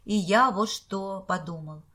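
A woman's voice: medium pitch, a little slow, a bit bright. A woman reading the part of an earnest, modest young male student in a storybook.

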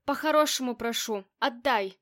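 A woman reading the lines of a grieving, hot-tempered female gang boss in an audiobook, moving between flat weariness and sharp commands. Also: fairly high pitch, moderate pace, close to an everyday voice. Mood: commanding. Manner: shifts between flat weariness and angry shouting.

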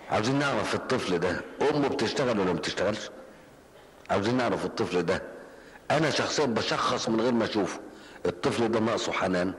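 An older Egyptian preacher with a low voice gives a colloquial, story-driven lesson in a mosque hall, answering questions and repeating phrases for emphasis. The recording is low quality, with a big-room sound.

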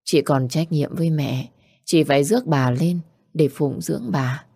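Kind middle-aged mother, gentle and earnest, mellow tone, read by a woman. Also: deep voice, normal speed, creaky, breathy edge, dry recording, studio quality, exaggerated voice.

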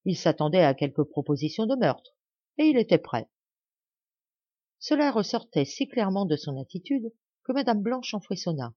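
A woman narrating a novel as an audiobook, with a steady, expressive reading, in a slightly dull, dry recording. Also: medium pitch, a little fast, husky, dry recording. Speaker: audiobook reader.

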